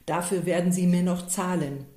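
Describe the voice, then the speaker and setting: A woman reading the lines of a big, gruff, proud male village mayor who sounds gloomy and blustering. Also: lowish voice, steady tone, normal speed, dark tone, natural voice. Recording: roomy echo.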